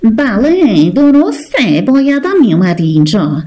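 A woman's voice: on the high side, sing-song, dark tone. A woman voicing a vain, bossy male octopus who guards a sunken ship, talking in a pompous, boastful, stern way.

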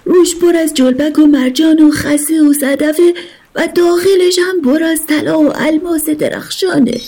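A woman voicing the biggest, oldest dolphin, a kind and wise creature who explains things gently and patiently. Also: high-pitched, fairly even intonation, voice pushed up.

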